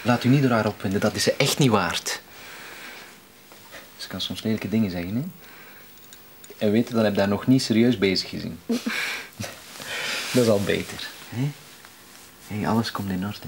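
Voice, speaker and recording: An actor with a Flemish accent playing a calm man who reassures an upset woman in a TV soap scene. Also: lowish voice, moderate pace, long pauses, slight background noise, close to an everyday voice. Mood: soothing. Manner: soothing, reassuring. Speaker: soap opera character. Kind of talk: TV soap acting.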